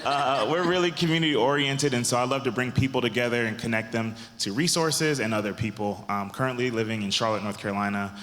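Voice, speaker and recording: A man's voice: mid-range voice, fast, few pauses, fairly bright tone. A man introducing himself in a friendly, playful way as a tech founder on a conference panel. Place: conference stage. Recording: reverberant conference hall.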